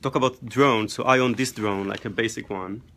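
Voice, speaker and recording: A man interviewing a scientist, informal, tossing in quick interjections and offbeat questions. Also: medium pitch, fairly even intonation, a bit bright. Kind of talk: casual interview chat.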